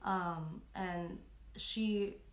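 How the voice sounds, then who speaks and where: A woman's voice: lowish voice, fairly even intonation, extremely slow. A young woman from Michigan talking casually as an interview guest, with frequent "like" and "you know" and easy laughter. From Southeast Michigan, USA. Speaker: guest, anti-racism educator. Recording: echoey room with faint noise.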